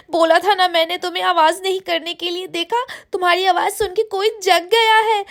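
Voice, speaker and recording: A woman doing a bossy girl hushing her horse. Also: extremely high pitch. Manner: bossy, hushed scolding. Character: sneaky young girl scolding her pet horse. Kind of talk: storybook cartoon voice acting.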